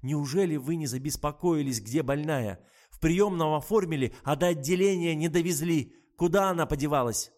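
A man voicing a flustered, bossy middle-aged woman doctor who scolds in shrill outbursts. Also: moderate pace, few pauses, a little mellow, natural voice. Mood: scolding.

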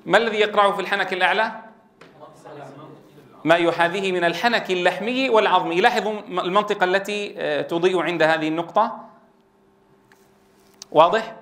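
A man with a fairly high voice teaches Quran recitation, explaining how letters are formed. He often breaks into loud drilled syllables to demonstrate the sounds for his students. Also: steady tone, brisk, long pauses, reverberant. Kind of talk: tajweed lesson with spoken drills.

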